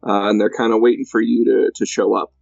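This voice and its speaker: A man narrating a tabletop game as game master, measured and hesitant with frequent pauses. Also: fairly low pitch, flat delivery, vocal fry, darkish tone, no echo, muffled recording.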